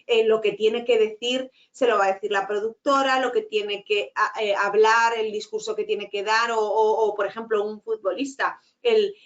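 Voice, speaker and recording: Middle-aged woman lecturer, rapid but clearly articulated, slightly dull lo-fi class recording. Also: mid-range voice. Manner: fast-talking with frequent "¿vale?" tags. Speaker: teacher. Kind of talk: online lecture.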